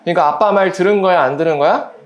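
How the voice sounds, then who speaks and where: A pastor giving a children's sermon at a church service, gently asking the children quiz questions and acting out little voices in the story. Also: mid-range voice, very fast, muffled recording, soft background music. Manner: acts out little quoted voices while storytelling.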